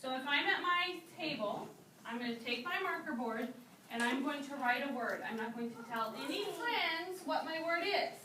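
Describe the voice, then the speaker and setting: A woman teaching a kindergarten class, drawing out words slowly so young children can repeat them. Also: high voice, lively intonation. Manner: slow, drawn-out modeling of words. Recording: echoey classroom from far off, noisy.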